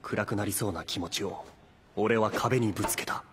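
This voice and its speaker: A man's voice: fairly low pitch, quick pace, background noise, close to an everyday voice. A man voicing a gloomy, cynical teenage outcast boy in an anime, with music behind. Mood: brooding. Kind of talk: Japanese anime voice acting.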